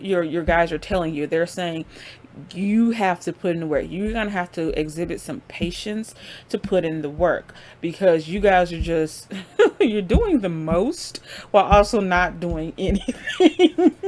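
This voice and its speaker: A woman's voice: lowish voice, a little mellow. A woman giving a casual pick-a-card tarot reading, conversational and informal, laughing often as she talks. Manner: informal slang, frequent fillers. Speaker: tarot reader.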